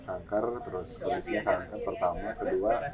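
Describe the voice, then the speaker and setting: Low-voiced man, crowd behind. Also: fairly even intonation, moderate pace, poor audio. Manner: casual, plainspoken, fillers like "gitu". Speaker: humanitarian program volunteer. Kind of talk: recounting experiences in a podcast interview.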